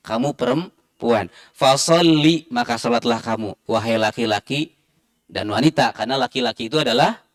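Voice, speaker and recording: A man's voice: mid-range voice, no echo, studio quality. A man teaching Quran recitation in a mosque, patiently repeating and spelling out each sound. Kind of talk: tajwid lesson.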